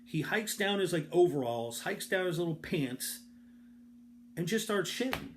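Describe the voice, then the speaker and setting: A man's voice: high voice, animated, measured pace, a little hiss or hum. A man casually telling a rambling personal story, profane and self-deprecating, with comic exaggeration and frequent restarts. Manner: frequent restarts and filler words. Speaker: storyteller host.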